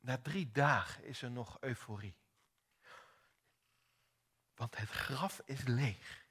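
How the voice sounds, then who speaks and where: Give me a male preacher telling a story with drama, unhurried, crisp bright tone. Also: medium pitch. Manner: animated, dramatic retelling, dialogue voices. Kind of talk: sermon storytelling.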